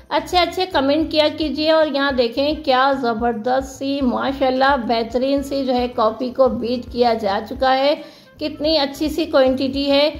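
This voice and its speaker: A woman hosting her own cooking channel, chatting warmly through a recipe voice-over and offering blessings to her viewers. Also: high-pitched. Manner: warm, chatty, full of blessings and praise.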